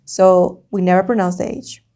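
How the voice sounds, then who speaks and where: A woman, a native Spanish speaker with a Spanish accent, teaching a slow language lesson like a dictation, deliberately repeating words and sounds for the learner. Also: fairly low pitch, fairly even intonation, dark tone.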